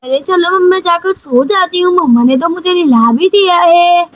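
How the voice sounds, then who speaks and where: A whiny little cartoon girl who complains in a very high voice, as a woman voices her. It is recorded close and dry. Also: normal speed, no echo. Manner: whining, complaining.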